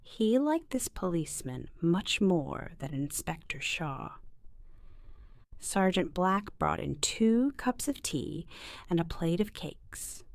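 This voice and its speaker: Slow, expressive woman reading a story. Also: lowish voice, gravelly, no room sound. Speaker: narrator.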